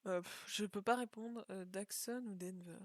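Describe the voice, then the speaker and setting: A woman's voice: mid-range voice, normal speed, no room sound. A young woman chatting casually as she plays and comments on a video game, thinking aloud and joking at herself. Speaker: gaming video creator.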